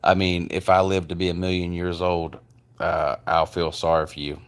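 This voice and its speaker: A man who sounds drunk, slurring his words in a halting, repetitive, rambling personal rant. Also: low-pitched, flat delivery, clean tone. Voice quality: slurred speech. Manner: halting, repetitive, drawn-out delivery.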